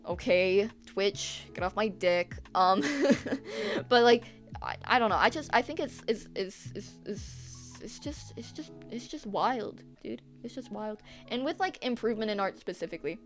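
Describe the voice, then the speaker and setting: A woman's voice: medium pitch, unhurried, faint music behind. Rambling young woman streamer. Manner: rambling, swears often, loses her train of thought; animated rants with laughter. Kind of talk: casual live-stream chat.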